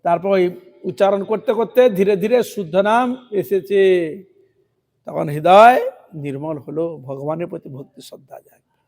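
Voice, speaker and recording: A man's voice: high-pitched, a little mellow. A man giving a devotional sermon, asking rhetorical questions and repeating chanted words. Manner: repetitive chanting of words, rhetorical questions, slows to intone verses. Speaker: preacher.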